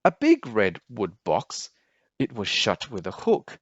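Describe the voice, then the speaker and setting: Slow, wildly expressive male storybook reader. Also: on the low side, breathy edge, no room sound, dull audio. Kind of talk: expressive read-aloud narration for children.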